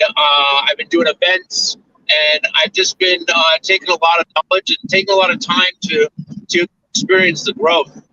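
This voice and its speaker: A man from Arizona in his forties, a guest talking over a video call from inside a moving car, with audio that keeps breaking up. He speaks haltingly, with lots of fillers and restarts. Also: a little high, pushed and bright. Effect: choppy breaking-up call audio. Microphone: phone or laptop on a video call. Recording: distant, dull lo-fi call audio with faint car noise.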